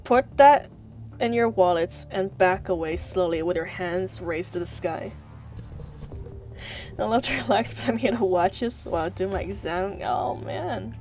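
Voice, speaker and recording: A woman's voice: medium pitch, measured pace, a little mellow. A woman livestreaming a game in a playful, giggly manner, chatting to viewers and exclaiming in mock scolding. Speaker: live streamer. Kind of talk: chatty game livestream, thanking viewers and reading story text aloud. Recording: music playing behind the voice. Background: music.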